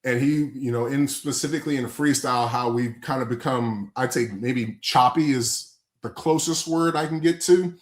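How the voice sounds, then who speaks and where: A man's voice: medium pitch, normal speed. Man chatting in a roomy echo. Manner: rambling, lots of fillers and restarts. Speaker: podcast co-host. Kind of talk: casual sports chat.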